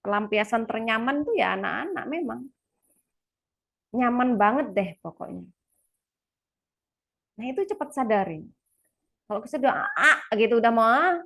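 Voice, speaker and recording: A woman speaking to a live audience in a casual, confiding way, with a voice that sits fairly high. She is chatty and laughs often. She acts out quoted lines by jumping to a sudden, much higher voice. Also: animated, moderate pace, vocal fry, long pauses, fairly bright tone. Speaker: speaker sharing parenting experience.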